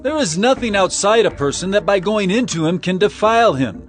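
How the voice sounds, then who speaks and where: Man acting an emphatic Jesus, swooping pitch. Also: expressive, brisk. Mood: earnest teaching. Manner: emphatic, declamatory. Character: Jesus, stern adult male teacher rebuking and instructing. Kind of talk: dramatized scripture reading. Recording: music behind the voice.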